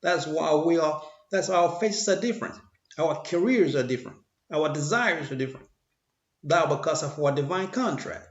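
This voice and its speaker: A man's voice: fairly high pitch, animated, normal speed. Man, motivational monologue, repeats himself, echoey room, dull muffled sound. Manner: rambling, repeats phrases, preachy. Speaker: motivational speaker.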